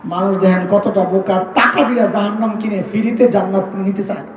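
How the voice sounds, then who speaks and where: High-voiced Bangladeshi preacher in an echoing hall. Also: male voice, fairly even intonation, very noisy. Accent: Bangladeshi Bengali. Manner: asks the crowd questions, chants scripture in a drawn-out singing tone. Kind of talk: sermon. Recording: echoey, far from the mic.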